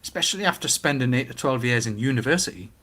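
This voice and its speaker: A middle-aged man with a Newcastle Geordie accent, chatting casually and giving his opinions in an animated way, with rhetorical questions. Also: mid-range voice, quick pace. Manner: animated storytelling with acted-out quotes and rhetorical questions.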